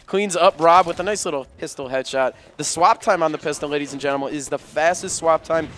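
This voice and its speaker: A man giving excitable live esports commentary, full of fillers. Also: a little high, fairly quick, a little hiss or hum.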